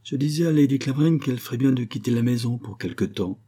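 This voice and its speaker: A man's voice: mid-range voice, fast talker, dark tone, husky, voice pushed up, lightly acted. A man reading the part of a bold young man, speaking up earnestly and indignantly.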